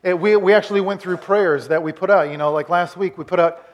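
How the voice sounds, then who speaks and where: Recapping earlier teaching, a forties-aged pastor with a notably high voice preaches in a relaxed, conversational way. He talks fast, frequently stumbling and repeating words, and the audio is dull.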